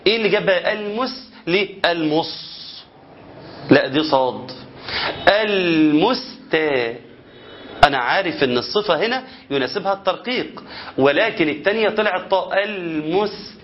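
A man's voice: high-pitched, animated, fast talker, lo-fi sound, slight background noise. A man with an Egyptian Arabic accent teaching Quran recitation, who keeps asking rhetorical questions and demonstrating how letters should sound. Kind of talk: spoken lesson on tajweed.

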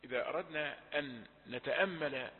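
A man with an Egyptian accent teaching recitation rules, moving between formal and colloquial speech and drawing out example words slowly. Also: mid-range voice. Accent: Egyptian Arabic. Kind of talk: tajweed lesson. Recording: tinny phone-like audio, long reverb.

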